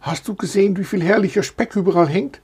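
A man's voice: sits high, fast talker, darkish tone, breathy edge, voice pushed up, heavily acted. A man voicing a brave, boastful little boy mouse in a storybook, who talks in a reassuring, boasting way. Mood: eager.

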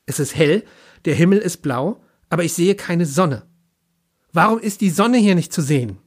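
A man with a husky voice voicing a blunt, cursing young woman with colorful hair, stranded on a phone call. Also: on the high side, animated, normal speed. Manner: blunt, casual, sarcastic.

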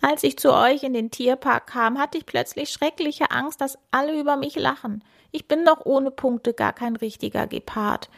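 A woman's voice: high-pitched, normal speed, vocal fry, hardly any pauses, pitched above the performer's own voice. A woman voicing a shy young male cheetah who whines and sobs in a children's storybook. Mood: tearful. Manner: whiny, tearful.

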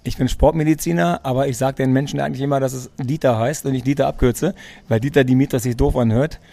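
A man's voice: mid-range voice, fairly even intonation, fast, gravelly, dark tone. A man, a sports physician, chatting as an interview guest in a restaurant, telling his story and often repeating words while he searches for phrasing. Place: restaurant in Munich.

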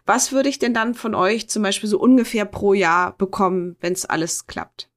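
A woman's voice: mid-range voice, steady tone, normal speed. A woman of about forty hosting an interview, chatty and self-mocking, asking loose, rambling questions. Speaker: host. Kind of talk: casual interview chat.

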